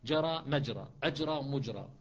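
A man patiently teaching the variant readings of Quran recitation, explaining methodically with frequent pauses and restarts. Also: medium pitch, lively intonation. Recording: dull lo-fi recording.

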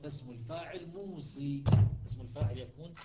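A man's voice: fairly high pitch, fairly quick, heavy background noise. A man teaching a classroom lesson on Quran recitations, explaining step by step, repeating words and checking that his students follow.

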